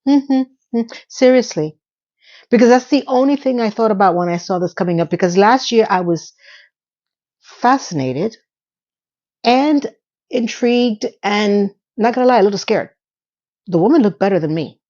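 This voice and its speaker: A YouTube commentator, a woman in her fifties, chats in a medium-pitched, mellow and animated voice at a moderate pace, pausing often. Her casual, gossipy commentary is full of asides, filler and little sung quips, and the audio sounds dull.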